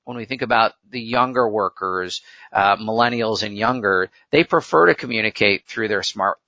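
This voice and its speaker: Bright, forceful man explaining as guest. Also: lowish voice, normal speed, dry recording, highs cut off. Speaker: interview guest, workforce management consultant. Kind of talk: explanatory interview answers.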